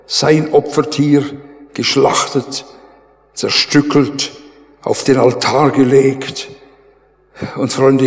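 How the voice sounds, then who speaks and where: A man's voice: medium pitch, creaky. A man preaching a sermon, retelling a Bible story dramatically and calling his listeners friends. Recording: echoey hall with long reverb.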